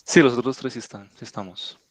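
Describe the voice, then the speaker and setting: A young man opening a group presentation in an online class, filling pauses with "eh" and "pues". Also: mid-range voice. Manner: hesitant, fills with "eh" and "pues". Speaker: student presenter. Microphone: video call.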